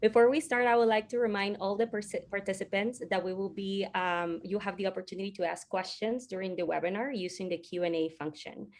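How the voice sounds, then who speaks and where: A woman's voice: medium pitch, steady tone, brisk, hardly any pauses, slight background noise. A woman moderating a webinar, reading a formal introduction and then asking interview questions.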